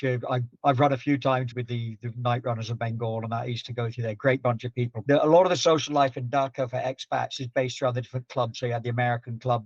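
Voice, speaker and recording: A man's voice: mid-range voice, no room sound. A middle-aged man, born in Zambia and raised in Scotland, telling rambling stories as a podcast guest. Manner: rambling anecdotes with frequent laughs. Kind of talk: relaxed storytelling interview. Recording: dull, muffled sound.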